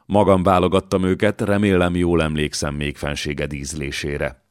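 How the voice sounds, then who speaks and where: An old, fawning nobleman, as a male narrator plays him speaks in a smooth, suggestive manner. The voice stays low and dry, close to the mic. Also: completely flat delivery, no echo, natural voice. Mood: sly. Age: older.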